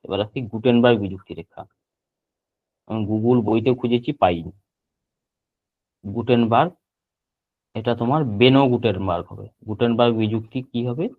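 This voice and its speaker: Male teacher over a tinny line. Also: mid-range voice. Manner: repeats terms slowly for note-taking. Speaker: geography teacher. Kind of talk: online class lecture.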